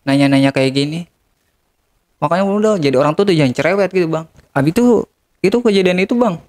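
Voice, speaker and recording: Guy with spilling a regretful story to the host, voice a bit high for a man. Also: lively intonation, fast, a little mellow. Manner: regretful, keeps addressing the host as "Bang". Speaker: interview guest. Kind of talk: confessional storytelling.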